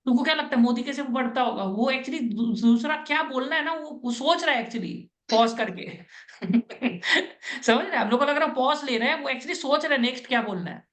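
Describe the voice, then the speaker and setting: A woman's voice: high-pitched, fast, few pauses, a bit bright. A woman with an Indian accent coaching an interview candidate in Hindi, talking in a repetitive, instructive way and laughing often.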